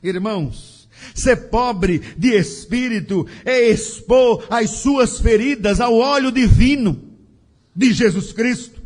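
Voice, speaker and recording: High-voiced, slow-preaching man. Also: a little mellow. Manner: slow, emphatic preaching with a sing-song cadence. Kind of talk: sermon.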